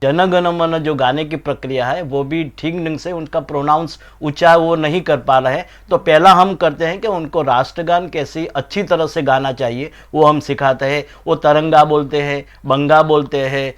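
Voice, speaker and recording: A man's voice: on the high side, steady tone, normal speed, hardly any pauses. Man patiently explaining correct pronunciation. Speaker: interviewee, anthem trainer. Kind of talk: explaining in an interview.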